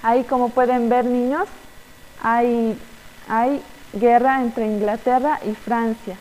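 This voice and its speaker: A young woman tells a Bible-class story to children, with a slightly high voice. She pauses often and keeps checking in with little tag questions and fillers. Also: level tone, darkish tone, long reverb tail, low-quality recording. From Bolivia. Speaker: children's Sunday school teacher.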